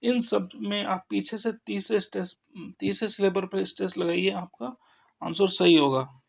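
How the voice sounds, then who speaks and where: A man teaching an English grammar lesson, explaining slowly with frequent pauses and restarts. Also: high-pitched, steady tone, vocal fry. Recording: dull lo-fi sound.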